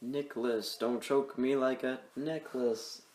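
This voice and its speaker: A man's voice: mid-range voice, fairly even intonation, slow, a little mellow. A man co-hosting a podcast, trading silly absurd jokes in improvised banter and stumbling playfully over words. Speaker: podcast co-host. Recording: roomy echo with faint noise.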